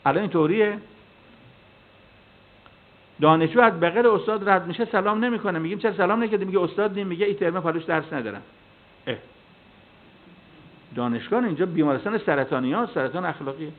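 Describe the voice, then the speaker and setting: Preaching cleric on a tinny line. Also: male voice, high-pitched. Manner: storytelling with acted dialogue, animated. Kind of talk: sermon with anecdotes. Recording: tinny phone-like sound.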